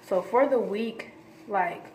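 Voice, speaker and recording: A woman's voice: mid-range voice, takes it slowly, roomy sound, a little hiss or hum. Giggly teen girl vlogging casually. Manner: giggly, talks over others. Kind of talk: casual chat. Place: outdoors near apartments.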